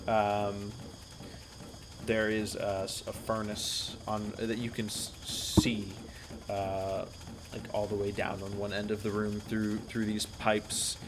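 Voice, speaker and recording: A man narrating a tabletop game as game master, describing scenes slowly and searching for the words. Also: fairly low pitch, monotone, noisy background.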